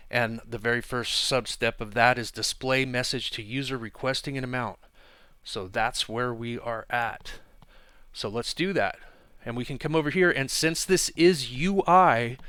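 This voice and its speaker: A man walks through a coding tutorial in a relaxed, thinking-aloud way, with ums and small restarts as he types. His voice is bright and crisp, close to the mic in a dry, dead room. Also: mid-range voice, dry recording. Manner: relaxed, thinking aloud with fillers while typing. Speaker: programming instructor. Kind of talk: casual screencast coding tutorial.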